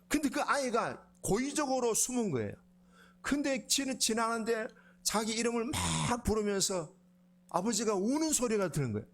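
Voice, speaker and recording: A male pastor preaches a sermon with lively, conversational energy. His voice sits high for a man and swings widely, and he keeps asking the congregation questions.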